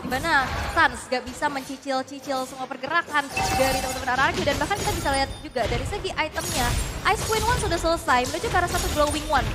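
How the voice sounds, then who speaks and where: A woman's voice: sits high, quick pace. A woman with an Indonesian accent giving live commentary on an esports match as a caster. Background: music.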